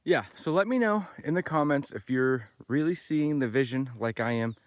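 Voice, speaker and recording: A man vlogging outdoors with a handheld camera, chatting in a rambling, upbeat way with a tired, slightly hoarse voice. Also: mid-range voice, normal speed, no echo. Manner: rambling, upbeat, thinking aloud. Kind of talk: casual vlog walkthrough. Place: outdoors on wooded property.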